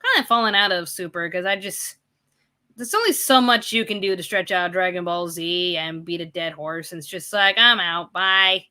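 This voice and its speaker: A woman's voice: lowish voice, animated, moderate pace, sharp tone. A woman in her thirties hosting a casual live-stream chat, reading viewer questions and ranting with bursts of exasperated emphasis.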